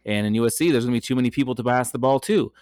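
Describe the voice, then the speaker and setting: A man's voice: mid-range voice, rapid-fire, a little mellow, no room sound. Chatty man with a dry sound. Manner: chatty, frequent ums and restarts, laughs often. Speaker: podcast co-host. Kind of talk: casual sports chat.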